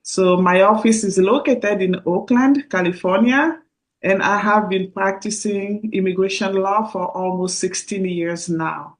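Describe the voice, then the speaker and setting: A woman from Cameroon, an immigration attorney guesting on a radio interview, friendly and quick to laugh. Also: medium pitch.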